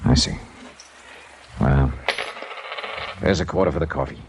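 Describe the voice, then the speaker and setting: Sternly narrating and firing off questions, this actor portrays a hard-boiled, blunt insurance investigator in an old-time 1950s radio drama. He has a very deep voice and a measured delivery, set against a noisy background.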